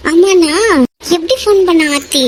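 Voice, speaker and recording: A woman voicing a very high, pleading young woman. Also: moderate pace, a little hiss or hum. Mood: worried. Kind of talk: amateur cartoon voice acting.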